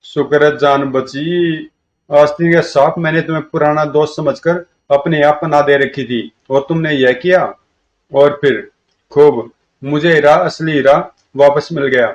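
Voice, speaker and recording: A man reading a comic story aloud and voicing all of its characters in a lively way. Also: on the high side, normal speed. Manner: lively, shifts between characters' lines. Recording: dull lo-fi recording.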